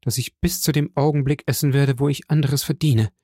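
A proud young nobleman speaks firmly and resolutely in a storybook reading, as a male narrator gives him voice. The tone is dark and gravelly, recorded dry and close. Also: mid-range voice, steady tone, a little fast, no echo.

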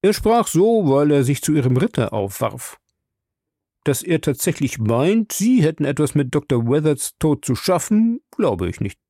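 A man voicing a shrewd, suave investigator who talks in a measured, diplomatic way. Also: fairly high pitch, very animated, mellow, no echo, studio quality, pitched above the performer's own voice, full character voice.

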